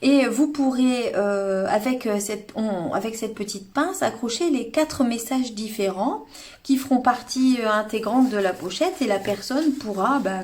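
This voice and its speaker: A woman's voice: medium pitch, a little mellow. A French woman leading a live paper-craft tutorial, chatting to viewers by name, with many fillers and restarts. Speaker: craft demonstrator. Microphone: livestream webcam or phone.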